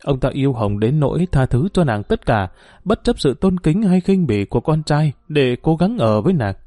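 A man narrating a story in a measured, emotive reading. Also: on the high side, sing-song, mellow, no echo, clean studio sound. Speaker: audiobook narrator.

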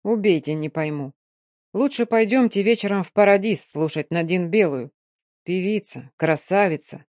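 A man's voice: sits high, moderate pace, darkish tone, no echo, studio quality, natural voice. A woman voicing a gloomy, wounded cavalry captain who talks curtly through clenched teeth, in an audiobook. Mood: mocking.

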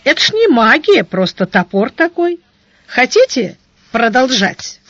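A narrator voicing a calm, ironic warrior lord in an audiobook, unhurried and lawyerly. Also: high voice, no room sound, full character voice. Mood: mocking. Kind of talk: audiobook character voice. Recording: dull lo-fi dry recording.

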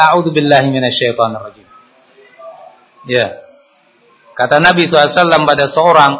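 A male preacher delivers a Friday sermon in a mosque. His voice is bright and slightly high, and his talk is lively and conversational. He often leaps up in pitch for emphasis and poses rhetorical questions. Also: low-quality recording.

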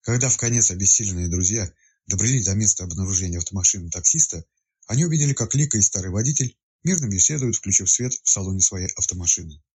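A man narrating a detective story in an expressive audiobook reading. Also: deep voice, fast, breathy edge.

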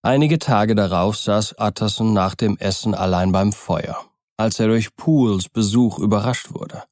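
A man narrates an audiobook from a script, telling the story in a measured, even way. His voice is lowish, and the studio sound is clean with no echo.

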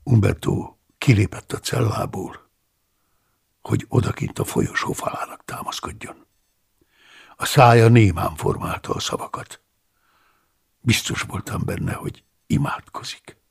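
A man narrating an audiobook in the first person, in a measured, somber and often hushed way, with a gravelly, husky voice. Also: on the low side, in a whisper.

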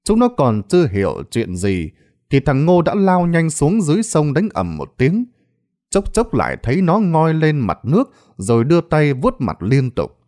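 A man narrating a Vietnamese ghost story in a scripted, storytelling style. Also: normal speed. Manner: expressive storytelling with lively pitch. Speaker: horror storyteller.

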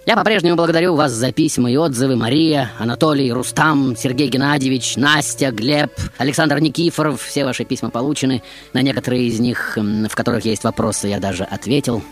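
A man hosting a radio show with a florid, theatrical monologue that swings between loud and hushed. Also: medium pitch, a little fast, faint music behind.

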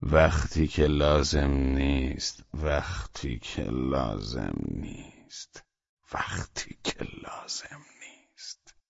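Narrator plays a drowsy tipsy officer; slow mumbled repeats, low husky voice, dry sound. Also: male voice, lively intonation, dry recording, highs cut off, heavily acted. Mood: mumbling. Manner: mumbling, repetitive.

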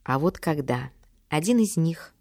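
A woman's voice: low-pitched, animated, unhurried, warm tone, no room sound, studio quality. A woman reading a first-person diary novel aloud, in a wry, matter-of-fact manner. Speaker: audiobook narrator.

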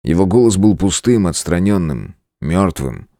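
Very deep-voiced male audiobook narrator. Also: very animated, dark tone, dry recording, studio quality. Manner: measured, dramatic storytelling. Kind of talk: scripted dramatic narration.

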